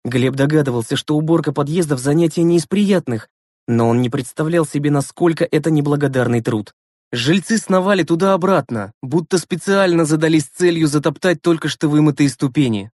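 Male narrator, slightly high voice, even storytelling, dry studio read. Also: brisk, dry recording. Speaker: audiobook narrator. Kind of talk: scripted narration.

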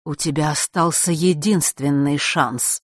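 A woman voicing a commanding queen who speaks calmly and firmly. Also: lowish voice, no room sound, clean studio sound. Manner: calm, firm, measured. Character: calm commanding female queen.

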